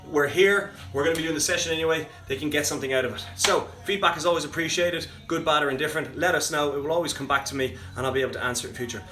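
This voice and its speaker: Fitness coach, male, higher-pitched voice, brisk encouraging cues, phone livestream in an echoey room. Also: bright, forceful tone. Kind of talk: live home workout instruction. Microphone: phone livestream from a distance. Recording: roomy, far from the mic, faint music.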